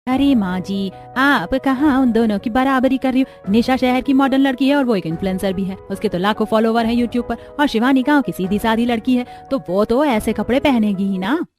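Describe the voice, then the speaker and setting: A woman's voice: a little high, normal speed, few pauses, a little mellow, soft background music, lightly acted. A woman voicing a sensible young bride. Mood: reasoning. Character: sensible young daughter-in-law. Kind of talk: cartoon voice acting.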